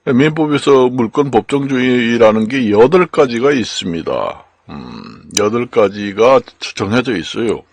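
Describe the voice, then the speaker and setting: An older man from Gangwon Province giving an unscripted lecture as a channel host, slow and halting with many fillers and repeated words. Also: mid-range voice, lively intonation, creaky, husky, no room sound. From Gangwon Province, Korea. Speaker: channel host explaining law and Chinese characters.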